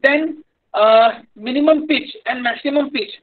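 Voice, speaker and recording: A man's voice: very high-pitched, unhurried. A man with a North Indian accent giving a live online engineering lecture in a hesitant, repetitive, explanatory manner. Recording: dull lo-fi online-class audio.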